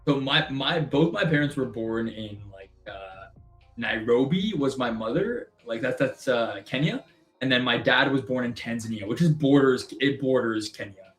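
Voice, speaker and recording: A young man from Canada co-hosts a trading live stream, speaking at normal speed in an expressive, slightly bright, medium-pitched voice. His casual banter rambles with plenty of fillers and regular laughs, recorded with a roomy sound and faint music.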